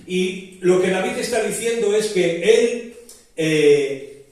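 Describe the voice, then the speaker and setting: A man's voice: on the high side, darkish tone. Man preaching in an echoey church. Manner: explanatory, with many restarts and rhetorical questions. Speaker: pastor. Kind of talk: sermon. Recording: very echoey church hall from a distance.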